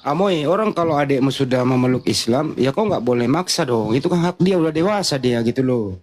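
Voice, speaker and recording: A man co-hosting a livestream, asking questions and advising calmly. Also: medium pitch, brisk. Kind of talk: livestream talk.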